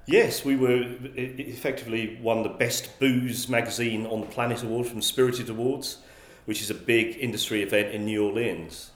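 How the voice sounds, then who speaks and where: In an echoey room, an English guest who publishes magazines answers interview questions in a medium-pitched voice with fairly even intonation. He speaks at a normal speed with few pauses, thoughtful yet prone to restarts and repeated words.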